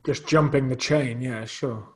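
Male interviewer, mid-pitched voice, brief probing interjections. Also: steady tone, measured pace. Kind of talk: conversational interview.

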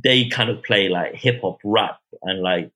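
A man from Croydon with a south London accent, chatting casually and telling anecdotes in an animated, slangy way. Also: lowish voice, unhurried. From Croydon, south London, England. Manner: animated slangy storytelling with tag questions like innit and yeah.

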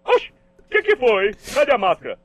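A high, shrill Northeastern Brazilian doorman, as a man plays him bursts into quick exclamations and squealing repeated cries. His voice leaps up and down all the time in this radio comedy sketch. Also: wildly swooping pitch, no room sound, exaggerated voice. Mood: bossy. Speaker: doorman character.

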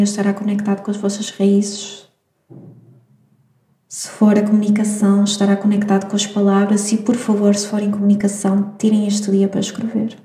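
A woman with a European Portuguese accent giving a slow, reflective spiritual astrology talk. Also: medium pitch, dark tone. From Madeira, Portugal. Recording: echoey room.

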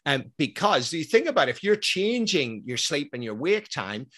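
A man's voice: a little high, big pitch swings, normal speed, pushed and bright, dry recording, clean studio sound. A man with an Irish accent, a guest expert talking casually and emphatically, often repeating words as he starts a sentence. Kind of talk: casual interview talk.

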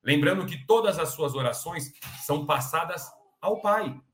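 A man's voice: on the high side, expressive, normal speed, roomy sound, over music. A man giving earnest, informal religious teaching on a talk program, with joking asides. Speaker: spiritist program speaker.

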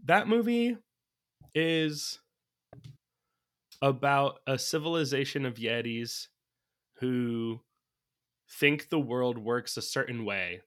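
A man's voice: mid-range voice, animated, takes it slowly, long pauses, fairly bright tone, clean tone. A man chatting casually about a movie as a podcast co-host, thinking aloud from his notes and laughing often. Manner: laughs often while talking.

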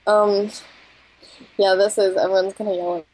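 Female podcast co-host, husky and breathy, candid and self-conscious, laughs a lot. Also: mid-range voice, flat delivery, measured pace, a little mellow, rough recording. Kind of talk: casual chat.

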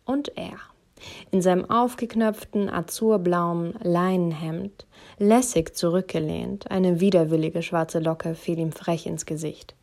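A woman's voice: lowish voice, steady tone, measured pace, gravelly, a little mellow. A woman reading a first-person story aloud in a wry, teasing way. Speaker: narrator.

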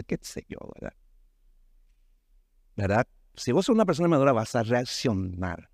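A male pastor preaching a sermon, often calling his listeners "brother" and asking them "right?", his pitch swinging sharply up and down. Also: darkish tone, no echo, clean studio sound. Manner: preaching with sudden rises and drops in pitch, many rhetorical tag questions.

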